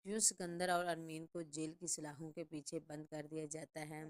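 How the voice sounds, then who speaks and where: A woman's voice: deep voice, little pitch movement. A woman narrating a scripted drama recap in a dramatic, suspense-building way. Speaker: channel narrator.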